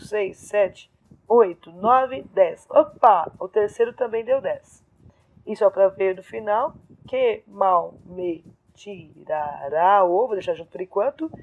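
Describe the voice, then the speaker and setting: A woman teacher explaining poetry scansion step by step, counting syllables aloud in a lesson. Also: mid-range voice. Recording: phone-like narrow sound.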